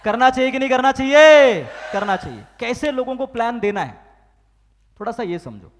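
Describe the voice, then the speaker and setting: In a large hall with a live audience and long reverb, a man with a very high, expressive voice delivers a motivational business training talk at a moderate pace. He fires questions at the crowd, demands loud answers, and acts out phone calls and excuses.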